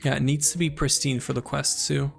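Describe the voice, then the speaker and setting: A man with a Canadian accent, chatting casually while playing a game on stream and thinking out loud. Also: mid-range voice, flat delivery, brisk, gravelly, faint music behind. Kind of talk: casual gaming commentary.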